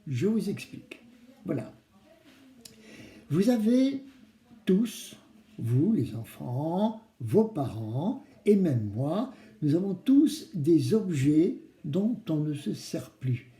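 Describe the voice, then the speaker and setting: Slow-paced mellow man, kids show host. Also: fairly high pitch, big pitch swings. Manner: simple, coaxing explanations with questions to the children. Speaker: children's craft show host. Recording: roomy, echoing room.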